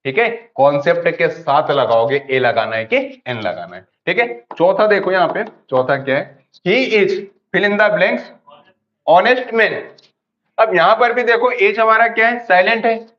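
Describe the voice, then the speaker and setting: Hindi-speaking teacher who quizzes himself aloud. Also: male voice, high voice, animated, moderate pace, hardly any pauses. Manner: repeats questions and answers them himself. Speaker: English grammar teacher. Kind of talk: online class lecture. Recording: dull lo-fi audio.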